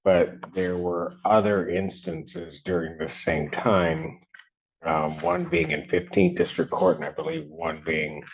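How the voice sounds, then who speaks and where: A very deep, gravelly man's voice presides as judge, picked up by a courtroom recording system. He speaks in a measured, halting way, full of ums and pauses. The sound is muffled, with a faint hiss underneath. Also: expressive. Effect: courtroom audio recording. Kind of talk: formal court proceeding.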